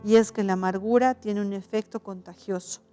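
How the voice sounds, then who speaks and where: A woman's voice: medium pitch, steady tone, moderate pace, dark tone, soft background music. A woman pastor giving a conversational sermon, often restarting her sentences, adding tag questions and acting out quoted voices.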